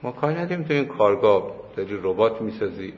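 Low-voiced cleric lecturing in a hall. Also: male voice, lively intonation. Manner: conversational, anecdotal, emphatic repetition. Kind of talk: religious lecture. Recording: muffled hall recording with faint noise.

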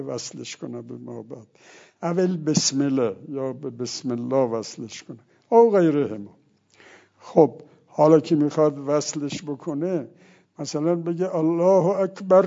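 A man's voice: fairly high pitch, vocal fry, dark tone, muffled recording. A man giving a seminary lecture on religious law, explaining step by step and reciting short Arabic phrases as examples.

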